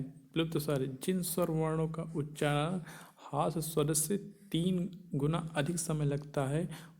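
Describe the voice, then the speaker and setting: A man's voice: on the high side, a little mellow. A male teacher giving an exam-prep grammar lesson, posing questions and answering them himself and repeating key points.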